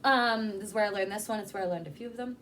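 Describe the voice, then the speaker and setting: A woman's voice: medium pitch, quick pace, a bit bright, slight background noise. A woman vocal coach talking casually and informally as she explains and demonstrates how to articulate sounds. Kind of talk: casual instructional talk with demonstrations.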